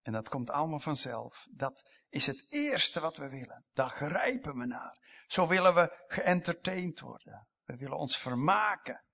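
A man preaching a sermon as pastor, emphatic, swinging from loud passages down to whispers. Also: fairly high pitch, sing-song, measured pace, vocal fry.

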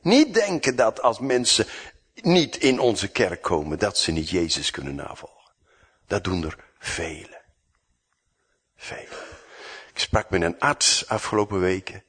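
A man preaching a sermon, acting out the dialogue and swinging from loud to hushed. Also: on the low side, very animated, a little slow, long pauses, breathy edge.

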